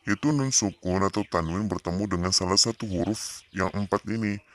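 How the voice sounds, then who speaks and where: A young man giving a casual lesson on recitation rules, hesitant with many pauses, drawing out his example readings slowly. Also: sits low. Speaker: Quran recitation teacher.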